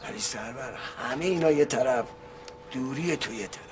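A man's voice: mid-range voice, slight background noise, lightly acted. An actor playing a middle-aged husband back from his supposed death, pleading and joking with his angry family in a comic TV series. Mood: exasperated. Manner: pleading and joking, then exasperated. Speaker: father of the family.

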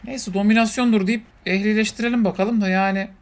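A man with a high voice chatting over gameplay in a loose, slangy, joking way. He gets excited fast and shouts at the creatures on screen. A faint hiss sits behind his voice. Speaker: gaming YouTuber. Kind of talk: casual gameplay commentary.

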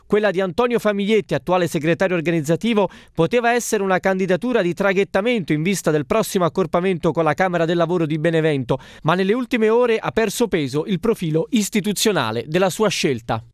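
A man's voice: high voice, animated, fast, few pauses, no echo, clean studio sound. A man reading a scripted television news report as a voice-over.

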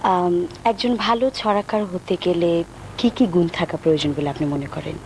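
A woman's voice: on the low side, fairly even intonation, moderate pace, darkish tone. A woman with a Bangladeshi accent hosting a formal television interview in a studio. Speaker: TV interview host. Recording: noisy old TV studio tape.

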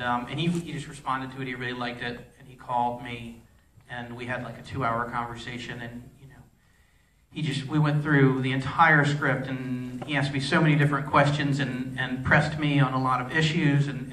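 A film director answering audience questions at a festival Q&A, rambling, restarting sentences and using many fillers. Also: male voice, medium pitch, fairly bright tone. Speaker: film director at a post-screening Q&A. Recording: echoey hall, voice from far off.

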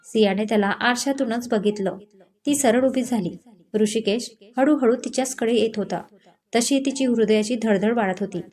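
Woman storyteller, scripted romance narration, gentle expressive reading, fairly high voice. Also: normal speed.

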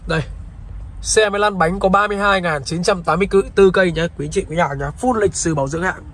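Quick and high-pitched, with a somewhat bright tone, a man narrates a used car sales walkaround. He keeps politely addressing viewers in dealer patter while outdoors next to and inside a car by the road.

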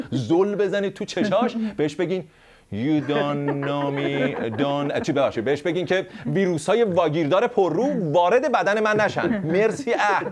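A man hosting a satirical comedy show, delivering a mocking, sarcastic monologue. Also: high voice.

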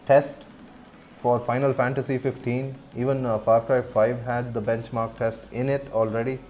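With a flat, slightly mellow, medium-pitched voice at normal speed, an Indian-accented man provides casual commentary while streaming a game. Amid slight background noise, he frequently laughs, answers the chat and talks easily with his viewers.

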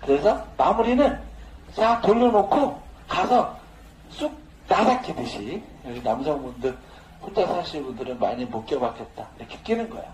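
A man's voice: on the high side, big pitch swings, normal speed, darkish tone. A man teaching a social dance lesson in a casual, joking manner, laughing often as he talks. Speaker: dance instructor. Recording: echoey room with faint noise.

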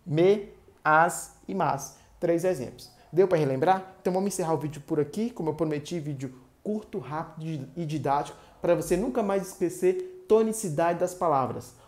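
A woman with a Brazilian Portuguese accent teaching a short, didactic online grammar lesson and slowly drawing out the syllables of example words. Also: low voice, mellow.

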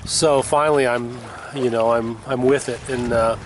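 A man in his fifties vlogging alone from his sailboat at sea, talking in a relaxed, rambling way and often correcting himself. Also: medium pitch, normal speed. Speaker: solo sailor vlogging. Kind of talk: casual video diary. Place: outdoors on a sailboat cockpit at sea. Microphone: handheld camera at arm's length. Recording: windy outdoor camera audio with sea noise. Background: wind and water noise.

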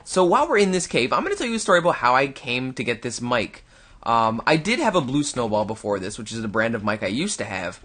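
A young gaming YouTuber from Canada talks fast in a bright, forceful medium-pitched voice with big swings in pitch. It's casual, rambling let's-play commentary, spoken close to the mic for himself and his audience.

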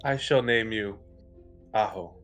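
A man playing a friendly adventurer in a tabletop fantasy game, talking in a halting, measured way. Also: fairly low pitch, a bit bright, faint music behind. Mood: friendly, welcoming. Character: friendly adventurer welcoming a baby dragon. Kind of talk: tabletop role-play.

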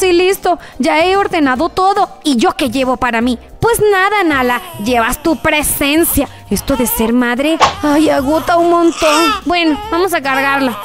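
A woman hosting gameplay commentary, playing a frazzled mother in a theatrical, exclamatory way and talking straight to her viewers. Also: high-pitched. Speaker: gaming channel host.

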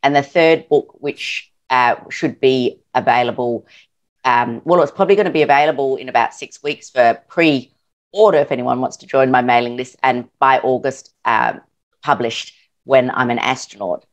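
A woman's voice: very deep voice, normal speed. A woman with an Australian accent, an interview guest who answers in an earnest, thoughtful way with some hesitations. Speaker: surgeon and author, guest.

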